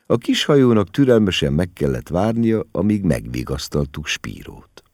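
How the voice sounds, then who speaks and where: Deep-voiced male storyteller, expressive. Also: dry recording, clean studio sound. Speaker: audiobook narrator. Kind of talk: scripted literary narration.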